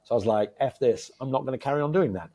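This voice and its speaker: A man in his fifties co-hosts a casual podcast chat, telling stories in a loose, rambling, animated way with lots of "uh"s and sudden bursts of excitement. His husky voice is mid-pitched for a man, a bit breathy, and fast.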